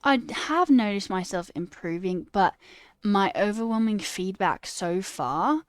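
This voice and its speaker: Speaking a little slowly in a mid-range, expressive voice that is clear and resonant, with no room sound, a young woman streams live coding. She adopts a fake British accent, chats casually, and reads comments aloud in a theatrical, self-deprecating manner as music plays.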